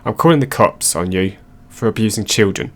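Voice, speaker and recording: A pushy mother, indignant and accusing, defending her son, as a man reads her lines. Her voice is lowish and firm, with sharp, blaming phrasing. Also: animated, brisk, close to an everyday voice.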